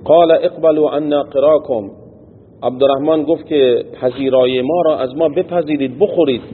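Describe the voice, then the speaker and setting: A man's voice: a little high, steady tone, husky. A man teaching as a religious teacher. He reads a text phrase by phrase and explains each part in plain everyday words. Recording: tinny phone-like sound with long hall echo and faint noise.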